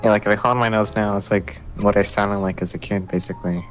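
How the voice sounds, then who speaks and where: Young male co-host, low voice, laughs easily, faint background music. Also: steady tone, quick pace, poor audio. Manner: laughs often, loose and joking. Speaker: podcast host. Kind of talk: casual chat.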